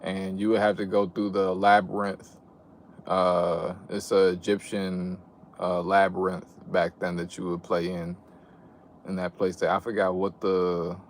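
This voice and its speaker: A young adult man chatting casually on a livestream, reminiscing in a laid-back, slangy, rambling way with some swearing. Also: low-pitched. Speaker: streamer. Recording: clear background noise.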